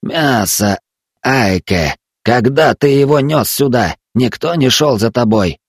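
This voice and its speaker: A man voicing a frightened old island elder, hoarse and urgent, giving orders in raised shouts. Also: medium pitch, expressive, takes it slowly, no echo, clean studio sound, voice pushed up.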